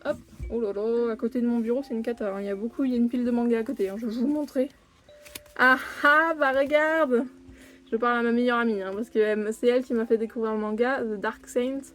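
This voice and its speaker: A woman's voice: on the high side, steady tone, racing, a little mellow, soft background music. A young woman chatting casually at home while unboxing manga, rambling and breaking off her own sentences. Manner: chatty, rambling, self-interrupting with many "hein". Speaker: manga collector vlogger. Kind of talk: casual unboxing chat to camera. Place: home room near her desk.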